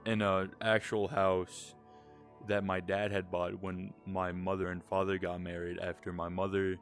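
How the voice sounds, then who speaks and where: A young man with a Southern American drawl rambles on in a casual late-night podcast chat, candid and quick to swear. His voice sits very low, and music plays behind him. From Southern United States. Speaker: podcast co-host.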